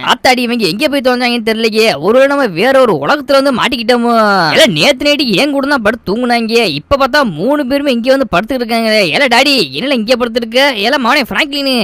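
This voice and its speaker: A man doing a squawky excitable village uncle. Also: extremely high pitch, no echo, clean studio sound. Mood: puzzled. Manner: rapid, exclaiming, fussy questioning. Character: excitable middle-aged village uncle, fussy and loud.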